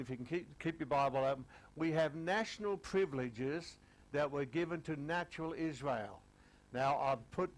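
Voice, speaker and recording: An older man teaching a sermon, chatty with many fillers, reading scripture slowly, his voice a little croaky. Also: on the high side, rough recording. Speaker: preacher.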